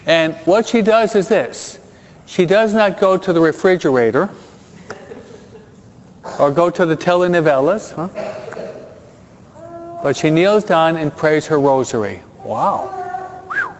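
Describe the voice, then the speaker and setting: A man's voice: a little high, very animated, measured pace, pauses often, slight background noise. A man preaching a sermon in a chatty way, often checking in with his listeners and dropping Spanish words into his English. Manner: conversational, keeps checking in with the listeners. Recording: dull sound with long hall reverb.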